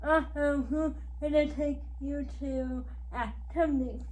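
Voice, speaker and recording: High-voiced woman speaking slowly. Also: fairly even intonation, a little mellow, rough recording. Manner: frequent short agreements, slow and halting. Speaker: host. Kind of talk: casual interview chat.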